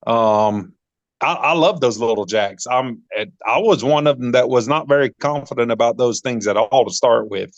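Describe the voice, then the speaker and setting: A man hosting a podcast in a chatty, casual way, with lots of ums and repeated words, his voice jumping up when he gets excited. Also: medium pitch, moderate pace, dry recording, muffled recording. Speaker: podcast host. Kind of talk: casual interview chat.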